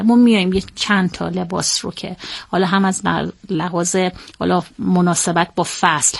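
A woman speaking as a parenting expert in an interview, explaining step by step in a measured, methodical way and often pausing to rephrase. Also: on the low side, creaky.

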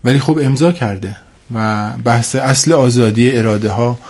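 A man's voice: mid-range voice, darkish tone, husky. A man with a cold and a congested, stuffy nose, speaking formally and hesitantly as an expert guest in a radio interview, repeating points for emphasis. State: has a cold.

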